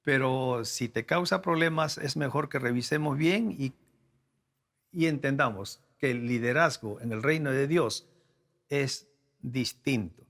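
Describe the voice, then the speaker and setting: A male pastor from South America preaching at a leadership forum, teaching slowly with repeated key phrases and rhetorical questions. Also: medium pitch, vocal fry, a bit bright. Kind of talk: sermon. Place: church or conference hall.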